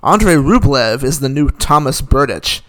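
A man runs through a list of tennis results in a casual, conversational way. His voice is smooth and clear, at an ordinary middle pitch. He drops dry, opinionated asides between the scores. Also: lively intonation, normal speed, fairly bright tone. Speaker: tennis commentator.

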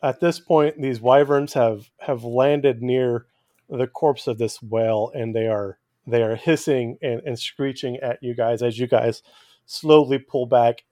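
A man's voice: mid-range voice, dark tone, dry recording, studio quality. A man running a tabletop game, narrating and refereeing in an explanatory way with hesitant phrasing. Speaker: game master.

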